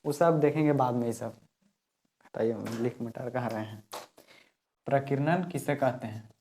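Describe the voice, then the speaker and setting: A man's voice: medium pitch, normal speed, mellow, a little hiss or hum. Male physics teacher at a board, patient step-by-step explainer who repeats key terms, voice fades as he turns to write. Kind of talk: classroom lesson at a board.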